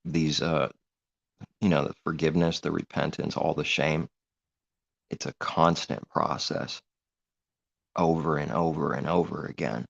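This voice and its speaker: A man with a very deep, gravelly voice preaches informally in an earnest, rambling way. The recording is dull and muffled, with a low-fi edge. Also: fairly even intonation, measured pace, long pauses. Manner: earnest, rambling, grows heated. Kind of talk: informal religious monologue.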